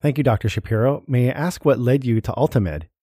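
A man's voice: medium pitch, a little fast, mellow, no room sound, studio quality. A man moderating a panel, asking formal questions in a composed way.

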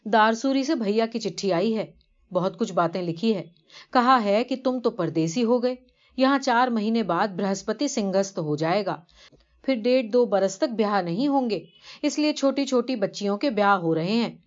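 A woman's voice: medium pitch, animated, close to an everyday voice. A woman voicing an insistent wife pressing her husband in a story reading, on a dull lo-fi recording. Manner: insistent, reproachful.

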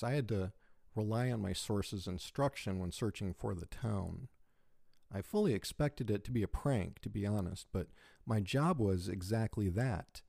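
A male narrator reads a horror story slowly and steadily in a low, gravelly voice. His tone is dark and mellow, recorded dry and close. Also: dry recording. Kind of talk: scripted narration.

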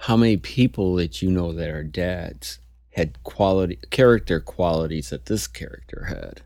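A man's voice: sits low, normal speed, darkish tone, no room sound. A middle-aged man as a podcast guest, rambling and teasing in casual chat.

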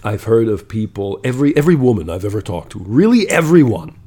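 A man's voice: lowish voice, expressive, quick pace, mellow. A man telling a story in a casual monologue, blunt and profane, growing exasperated and checking in with "okay?".

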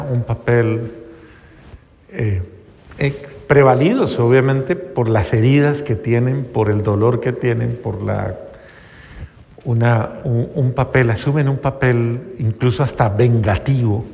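A male priest preaching in an easy, conversational way, with many pauses and restarts as he searches for words. His voice sits at a middling pitch, and a long reverb trails behind every phrase, as if the sermon were given in a large church. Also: gravelly. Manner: conversational, pausing and restarting often, soft when quoting others.

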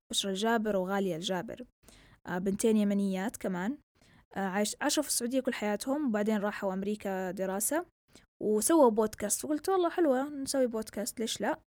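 With a medium-pitched, slightly mellow voice recorded dry, a young woman from southern Yemen hosts a relaxed solo podcast. She rambles conversationally, switching from Arabic to English and back, her accent mixing Yemeni and Saudi Gulf Arabic.

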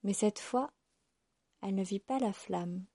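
A woman narrates a fairy tale aloud with an expressive storybook manner. Her voice is mellow and slightly husky. The sound is dry and close. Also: mid-range voice, unhurried, dry recording.

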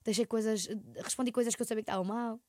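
Young portuguese woman rattling off stories super fast, kinda high voice, dry close mic. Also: steady tone, a little mellow, no echo. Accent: European Portuguese. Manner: rapid, rambling storytelling with frequent laughs. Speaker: podcast co-host. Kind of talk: casual chat.

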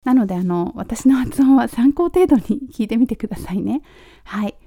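Friendly Japanese woman teacher, somewhat high, talks casually and drills phrases slowly. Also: animated, mellow, husky. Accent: Japanese, with Australian-flavored English. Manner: chatty, repeats model phrases slowly. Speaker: English teacher for nurses. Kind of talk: casual spoken lesson.

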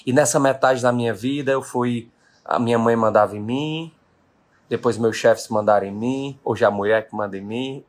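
A man's voice: medium pitch, moderate pace. A man in his late thirties from Brazil, a business owner giving an emphatic motivational talk to his live-stream audience, repeating his key questions. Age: 30s.

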